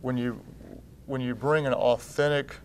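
A pastor and church founder in his thirties appears as a guest on a TV interview, seated on a studio set with blue drapes. He speaks earnestly at a medium pitch, steady and a little slow, gesturing with both hands and often restarting his sentences. There is slight background noise.

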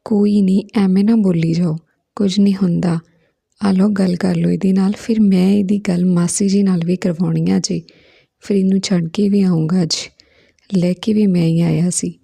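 A woman's voice: on the low side, steady tone, moderate pace, vocal fry, warm tone, husky. A woman reading the part of a teasing, reassuring young man who coaxes his sister-in-law in a storybook reading. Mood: coaxing.

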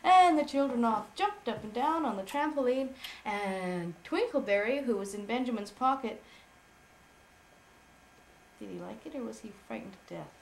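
A woman's voice: on the high side, animated, moderate pace, vocal fry. Mother with a cold telling a story. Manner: gentle, laughing between phrases. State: has a cold. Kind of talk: improvised storytelling to a child. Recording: echoey room, faint noise.

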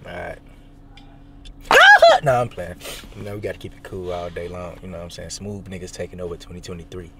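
A man's voice: sits low, fairly even intonation, fast, creaky, darkish tone. A young man vlogging on a handheld phone camera, with laid-back, slangy banter. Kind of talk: casual vlog chat. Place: out and about in a city, then a casino.

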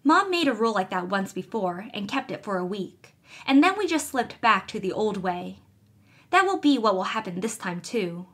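A woman voicing an excitable young girl who tumbles over her words in alarm. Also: medium pitch, normal speed, breathy edge. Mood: reassuring. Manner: breathless, tumbling apologies.

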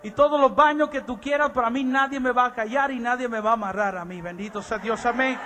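A male preacher telling a testimony in a sermon, impassioned, swinging from hushed asides to shouts and often repeating a blessing. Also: very high-pitched, fast, slight background noise. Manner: repeats "bendito sea Dios".

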